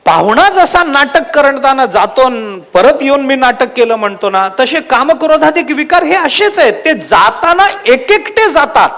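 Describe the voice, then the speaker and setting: A male preacher giving a storytelling sermon, speaking in an animated and emphatic way. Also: very high-pitched, a little slow. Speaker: kirtan preacher. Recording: long hall reverb.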